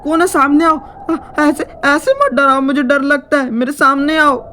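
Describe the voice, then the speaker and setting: A woman's voice: high voice, a little slow, bright, forceful tone, slight background noise. A woman voicing a terrified young man lost in a haunted forest, who stammers in panic.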